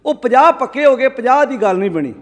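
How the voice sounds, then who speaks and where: A man preaching a Sikh sermon in a Punjabi accent, telling village stories in an animated way and calling on the congregation to answer him. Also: very high voice, fast, long reverb tail. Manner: animated storytelling, acts out quoted villagers, asks the congregation to answer. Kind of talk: katha sermon.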